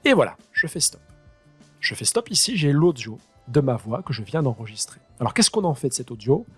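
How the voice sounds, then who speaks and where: Husky male teacher talking through a tutorial. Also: mid-range voice, big pitch swings, brisk, soft background music. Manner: talks through each click while improvising, addressing his students directly. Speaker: high school teacher. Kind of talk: screen-recorded software tutorial.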